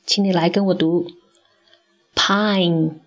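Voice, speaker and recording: Woman pronunciation teacher, husky voice, unhurried, clear demonstrations. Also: medium pitch, dull audio. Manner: slow, careful, demonstrates sounds for repeating. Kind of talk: scripted phonics lesson.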